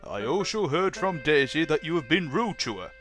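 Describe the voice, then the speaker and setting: A man's voice: a little high, very animated, normal speed, a bit bright, faint music behind, pitched above the performer's own voice. A man voicing a stern middle-aged railway boss who scolds firmly. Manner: scolding, firm.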